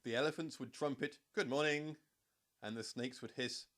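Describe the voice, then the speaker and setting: Wanted: a male voice at middle pitch to narrate children's audiobooks, delivering the story expressively and at a measured pace.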